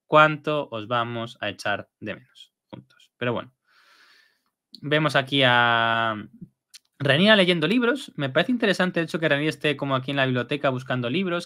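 Chatty guy breaking down an episode, bright voice, bouncy pitch. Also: smooth. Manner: chatty, lively, with frequent fillers and tag questions. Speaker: video host.

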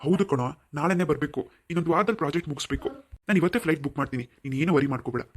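A middle-aged cartoon father who runs a big company, played by a man. He talks at a breakneck pace in a slightly raised voice. He is warm toward his son yet will not take no for an answer. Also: on the high side, rapid-fire, lightly acted. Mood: insistent. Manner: fatherly, pushy, affectionate. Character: wealthy older father, company owner, insistent. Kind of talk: cartoon voice acting.

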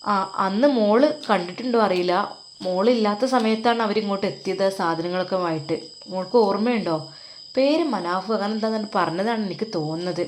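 A woman with a Malappuram Malayalam accent voicing a loving middle-aged father who gently comforts his daughter in a storybook reading. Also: medium pitch, a little fast, slight background noise, close to an everyday voice. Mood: reassuring. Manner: gentle, soothing, reassuring.

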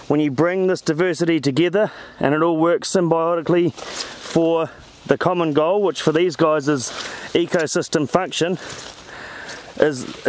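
An eager man talks as he wanders through a field outside, his voice a bit on the high side. He is recorded on a handheld camera, with faint outdoor noise behind him. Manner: enthusiastic, chatty, exclaiming. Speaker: farm advisor. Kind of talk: walking field talk. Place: outdoors in a tall crop field.

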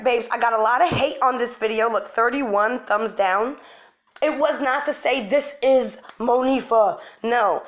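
An online video host chats casually with her followers in a slightly high, somewhat bright voice. She's sick and losing her voice, speaking informally and repeating words for emphasis as she gives her commentary.

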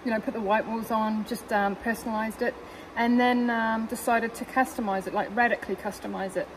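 A chatty woman with a fairly high voice, talking casually from inside a car. She rambles happily with plenty of fillers and little laughs, over a faint hiss of ambient noise. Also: fairly even intonation, a little fast. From New Zealand. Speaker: car owner guest. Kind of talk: casual chat. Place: in a parked car.

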